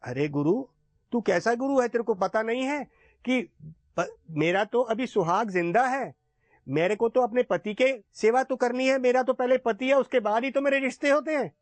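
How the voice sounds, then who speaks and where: A man voicing an indignant grieving mother who scolds the guru in a shrill voice. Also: normal speed, dry recording, close to an everyday voice.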